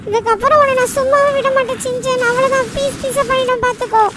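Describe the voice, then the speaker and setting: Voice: very high-pitched, steady tone, quick pace. A voice actor playing a small cartoon boy's body taken over by an evil power, boasting and threatening. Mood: boastful. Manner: boastful, threatening, shouting at others. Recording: distant voice under loud game noise.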